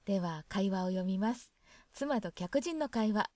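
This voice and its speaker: A woman hosting a dialect lesson who explains expressions in a gentle, chatty way. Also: mid-range voice, lively intonation, a little slow, no room sound.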